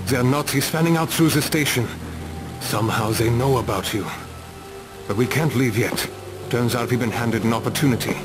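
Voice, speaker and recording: An actor playing a friendly but hurried resistance fighter in a video game. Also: male voice, mid-range voice, close to an everyday voice. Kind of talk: game dialogue.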